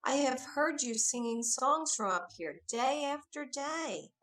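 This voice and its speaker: A woman voicing a gentle, hopeful young male prince in a read-aloud storybook, soft and earnest. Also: sits high, animated, measured pace, distant mic, faint music behind, voice pushed up.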